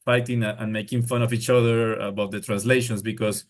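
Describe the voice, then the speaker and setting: A man from Spain co-teaching a live online Spanish lesson, talking quickly and chattily, mixing English and Spanish as he explains. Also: on the low side, little pitch movement.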